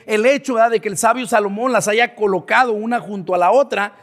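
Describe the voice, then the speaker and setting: A pastor preaches a sermon to his congregation in a large church sanctuary, repeatedly checking in with "verdad?" as he teaches. His voice sits high, steady and a bit bright, with a brisk delivery.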